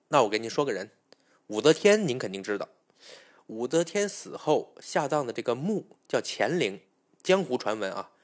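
Chatty male storyteller. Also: mid-range voice. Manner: chatty, addresses listener directly. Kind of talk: spoken folk-tale storytelling.

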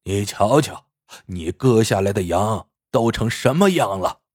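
A man voicing a stern, wise old man who speaks slowly and gravely in a storybook tale. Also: fairly low pitch, expressive, no echo, clean studio sound. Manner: slow, grave and deliberate.

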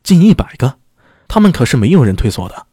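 A man's voice: mid-range voice, very animated, fairly quick, mellow, slightly rough, no echo, clean studio sound. A man voicing a stubborn, hot-headed young son who talks back in a raised voice. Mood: defiant. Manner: defiant, raised voice, talking back.

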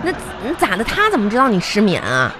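A woman's voice: medium pitch, wildly swooping pitch, fast, over music. A woman with a Northeastern Mandarin accent playing the skeptical straight man in a comic dialogue, scolding and questioning her partner.

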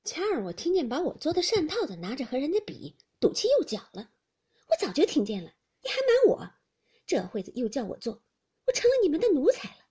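Woman voicing a sharp-tongued teenage noble girl. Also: fairly high pitch, big pitch swings, husky, exaggerated voice. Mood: teasing, indignant. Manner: blunt, quick-tongued, scolding.

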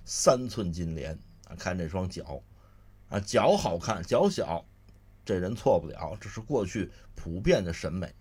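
Man, Beijing accent, solo crosstalk comedian, very lively pitch swings, conversational storytelling, explanatory asides. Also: measured pace, slightly rough. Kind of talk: comic storytelling to listeners.

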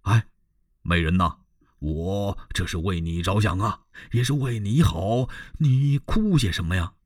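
A man's voice: deep voice, expressive, measured pace, breathy edge, no echo, studio quality, full character voice. A male storyteller voicing a doting, blustering old chancellor who coaxes and fusses. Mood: coaxing. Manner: fussing, coaxing old voice.

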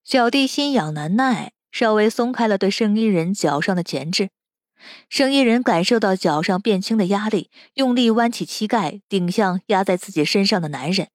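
A woman narrating a web novel audiobook in an expressive, dramatic reading. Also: medium pitch, normal speed, no echo, clean studio sound.

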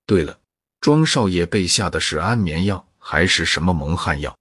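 A man voicing a clever, calm young man who probes and teases in an easygoing way. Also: deep voice, normal speed, slightly rough, dry recording, studio quality, full character voice. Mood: casual.

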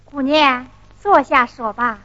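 Henan opera, gentle noble lady, soothing, slow, dull recording with hall reverb. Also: high voice, exaggerated voice. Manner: soothing, coaxing. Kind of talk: Henan opera stage performance.

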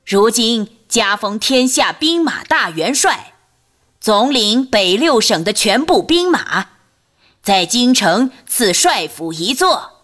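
Shrill old eunuch guy, a lady putting him on, high and loud, drags each word out slow and stately. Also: sing-song, full character voice. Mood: proclaiming. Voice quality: thin, shrill. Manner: slow, drawn-out, ceremonial proclaiming. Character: shrill-voiced older male palace eunuch.

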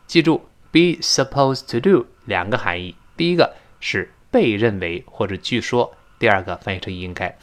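Animated male English teacher. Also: lowish voice. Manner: explains eagerly, slowly repeats words to model pronunciation. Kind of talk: recorded lesson explanation.

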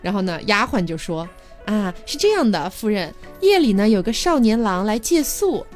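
A woman's voice: mid-range voice, normal speed. A woman hosting a podcast, casually retelling a classic tale and voicing the characters' lines. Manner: lively retelling with voiced quotes and laughter. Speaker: podcast host storyteller. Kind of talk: casual storytelling. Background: background music.

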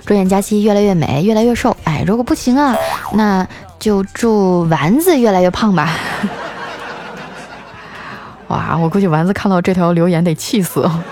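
A woman's voice: medium pitch, brisk, hardly any pauses, mellow. A woman podcast host reading listener messages aloud and answering them in a playful, teasing way. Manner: playful and teasing, often laughing. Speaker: radio-style podcast host. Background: faint background music.

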